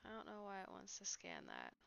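A tired woman casually commenting on her gameplay late at night, talking to herself between yawns and often dropping to a breathy near-whisper. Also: mid-range voice, wildly swooping pitch, a little fast, dull audio. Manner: sleepy, yawning, quiet and breathy at times. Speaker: game streamer.

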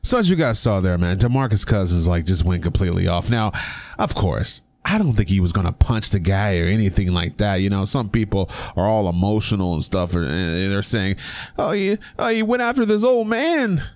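Animated young man venting on a vlog. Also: on the low side, moderate pace, soft background music. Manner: animated, conversational, emphatic rhetorical questions. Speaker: sports commentary vlogger. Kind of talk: casual opinion vlog. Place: indoor room.

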